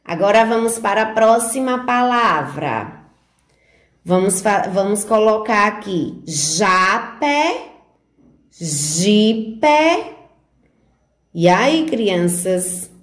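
Slow sing-song Brazilian teacher, echoey room. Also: female voice, medium pitch, animated. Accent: Brazilian Portuguese, northeastern. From northeastern Brazil. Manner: sing-song, drawing out syllables, coaxing questions to children. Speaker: preschool teacher. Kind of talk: slow, sounded-out remote lesson for small children. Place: home or classroom recording for remote teaching.

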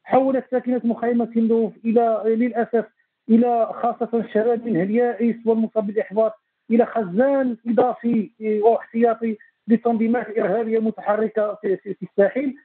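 A man phones into a TV debate as an analyst. His voice sits very high and breathy-husky. The line is thin and phone-like, and he presses on quickly. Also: little pitch movement. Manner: fast, insistent, with restarts. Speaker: guest analyst on Western Sahara affairs. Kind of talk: remote TV debate commentary.

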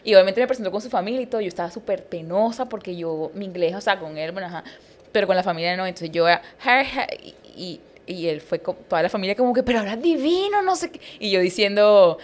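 Expressive young woman. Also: fairly low pitch, fast talker. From Colombia. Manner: expressive, imitates accents in anecdotes. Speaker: podcast guest. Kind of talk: casual chat.

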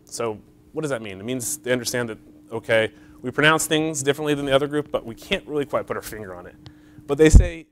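A man's voice: mid-range voice, expressive, fast, a little hiss or hum. A man giving an academic conference talk, explaining step by step with frequent fillers and questions to the audience, in a lecture hall. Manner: explains step by step, checks in with "right?" and "okay?".

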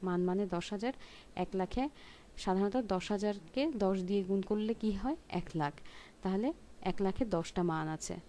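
A woman giving a spoken language lesson, explaining patiently step by step and repeating pronunciations slowly. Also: mid-range voice, warm tone, a little hiss or hum. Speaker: Korean language teacher.

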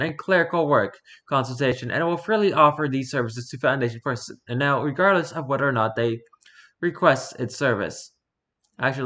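A man's voice: medium pitch, a bit bright. A man casually reading a story document aloud and adding dry, sarcastic asides. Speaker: reader.

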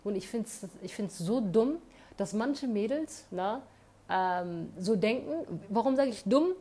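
A woman's voice: mid-range voice, lively intonation, slow, warm tone, husky. Earnest woman giving emphatic advice. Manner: earnest, emphatic, with frequent tag questions. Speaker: advice vlogger. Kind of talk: motivational monologue. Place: indoor room.

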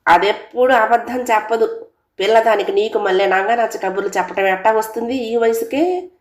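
ఒక మహిళ పలికించే నోటి దురుసు ముసలి బామ్మ, వెటకారంగా గద్దిస్తుంది. గదిలో ప్రతిధ్వని ఉంది. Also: female voice, on the high side, moderate pace, voice pushed up, natural voice. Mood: teasing scold. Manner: scolding, teasing. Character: sharp-tongued old grandmother. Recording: roomy echo.

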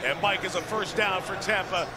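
A man calling a football game live as the play-by-play announcer, in a brisk broadcast delivery. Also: high voice. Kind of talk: live sports commentary. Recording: TV broadcast with loud stadium crowd.

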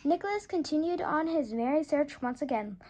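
Seated indoors at a table turning the pages of a picture book, a woman with a high voice reads a children's story aloud. She is gentle and expressive, slowing for the story and doing little voices for the animals.

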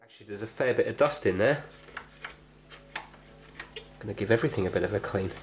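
Faint music plays behind a brisk, fairly low-pitched man hosting a repair video. Indoors at a cluttered workbench, he casually thinks aloud and explains every step in a tentative way, and clear background noise and handling clicks can be heard.

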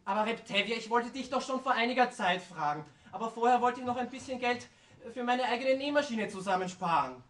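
A young actor playing a timid, earnest poor tailor on stage, hesitant and stammering. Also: male voice, very high voice, animated, brisk, fairly bright tone. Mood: earnest, determined. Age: young adult. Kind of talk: stage musical acting in German. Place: theatre stage.

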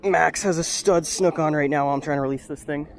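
A man's voice: fairly high pitch, fast, creaky. A young man vlogging a fishing trip from a small boat, chatting and cheering in slang, recorded on a hat-mounted action camera. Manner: excited, slangy, shouting at the fish. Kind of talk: casual fishing vlog chat. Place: small open boat on the water, outdoors. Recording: wind and water noise on a boat.

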